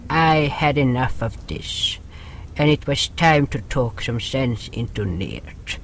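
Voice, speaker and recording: In an audio drama, a man plays an earnest creature recounting its story solemnly, in broken phrasing that leaves out articles; the creature is small next to its raging ally. His medium-pitched voice is expressive and slow, with vocal fry and slight background noise.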